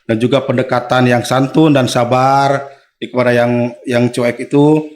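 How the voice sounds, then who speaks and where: Steady Indonesian-speaking man explaining plainly. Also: medium pitch, normal speed. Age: 40s. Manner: steady explanatory, agrees often with short replies. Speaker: guest official. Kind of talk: casual podcast conversation.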